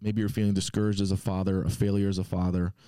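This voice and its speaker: A man's voice: low-pitched, little pitch movement, quick pace, warm tone, smooth, dry recording. A man co-hosting a faith podcast, chatting casually and then urging listeners with earnest encouragement. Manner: earnest, exhorting, joking. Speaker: podcast co-host.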